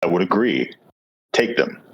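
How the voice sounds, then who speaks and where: A man playing a stern, pragmatic hunter in a tabletop game, speaking in a husky, curt, coldly formal way. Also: low-pitched, expressive, unhurried, dull audio, full character voice. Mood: firm. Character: stern, pragmatic great hunter, coolly self-interested.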